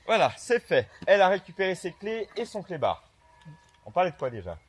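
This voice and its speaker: A man's voice: sits high, big pitch swings, fairly quick, slight background noise. A man rehearsing an amateur play, playing a blunt, scornful grown son who schemes over his mother. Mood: scheming.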